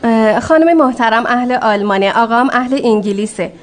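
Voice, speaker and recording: A woman's voice: on the high side, expressive, natural voice. A woman dubbing a level-headed young shopkeeper in a TV drama. She speaks in a dry, mildly scolding way. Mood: wry. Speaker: shopkeeper who translates for a friend. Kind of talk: dubbed TV drama acting.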